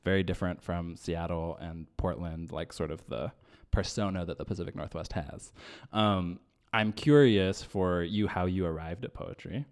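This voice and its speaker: A man's voice: deep voice, moderate pace, few pauses, darkish tone. A man born in the Philippines co-hosting a podcast, chatting casually and laughing often with many fillers. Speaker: podcast co-host. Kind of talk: casual chat.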